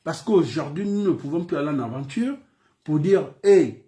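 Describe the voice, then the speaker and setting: In a slightly high voice with a dark tone and lively intonation, a Gabonese political commentator speaks at normal speed. He has a Gabonese French accent, and his impassioned political speech is filled with rhetorical questions and repeated phrases.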